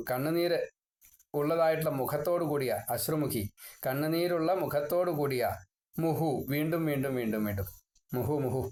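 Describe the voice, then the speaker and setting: A man with a somewhat high voice leads a devotional scripture talk. He draws out each verse line slowly and then unpacks it word by word. His explanations circle back over the same terms again and again. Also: a little mellow. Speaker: scripture teacher.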